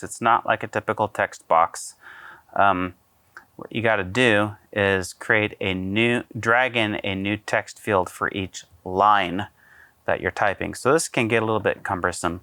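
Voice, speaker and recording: A man giving a casual step-by-step software tutorial, talking through each click with frequent ums and uhs. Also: lowish voice, no room sound. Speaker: AV integrator demonstrating software. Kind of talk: screen-recorded software tutorial.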